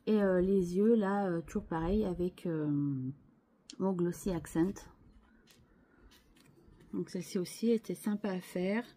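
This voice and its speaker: A woman's voice: fairly low pitch, steady tone, measured pace, long pauses, warm tone. A woman hosting her scrapbooking channel, chatting casually as she shows her craft pages, hesitant and full of restarts, with chatty asides to viewers.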